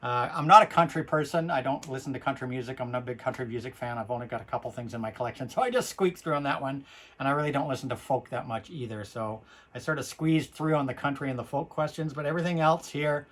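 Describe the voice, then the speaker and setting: A man's voice: mid-range voice, fast talker, fairly bright tone. A Canadian man speaking with a missing front tooth, hosting a vlog in a casual, rambling, repetitive way. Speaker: host of a record collecting vlog. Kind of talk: casual chat to viewers.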